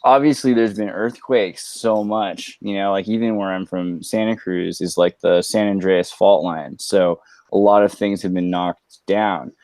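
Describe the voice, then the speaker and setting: A man's voice: sits low, fairly even intonation, unhurried, a little mellow, no echo. A man from California, a guest chatting casually on a video call, rambling through long digressions. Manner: rambling, digressive, many fillers. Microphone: earpiece on a video call.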